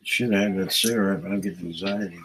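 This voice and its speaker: This livestream host has a low, steady voice that is somewhat bright, and he speaks quickly into a small novelty mic. The recording is rough with some hiss or hum, as he wanders from topic to topic in a relaxed way, calling out viewers by name.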